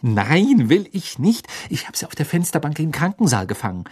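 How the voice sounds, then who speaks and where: Male reader as clever teen girl witch, husky, animated, pushed up high. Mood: excited, triumphant. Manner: eager, triumphant, quick-talking.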